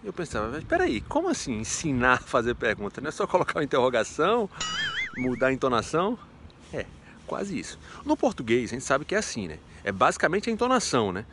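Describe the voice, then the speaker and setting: A man's voice: mid-range voice, wildly swooping pitch, quick pace, a bit bright, a little hiss or hum. A man teaching a casual video lesson in a chatty, playful way, asking himself rhetorical questions. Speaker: French teacher.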